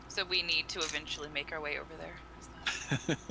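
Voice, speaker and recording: A woman's voice: low-pitched, fairly even intonation, quick pace, gravelly, noisy background. A woman playing a tabletop game and chatting casually. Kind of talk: casual chat.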